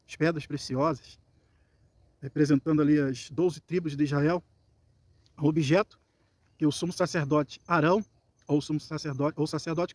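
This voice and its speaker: A man's voice: fairly high pitch, no room sound. A man with a Brazilian Portuguese accent, preaching a Bible lesson and explaining scripture in a conversational way. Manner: reads scripture then explains it conversationally, acting out voices. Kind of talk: Bible teaching sermon.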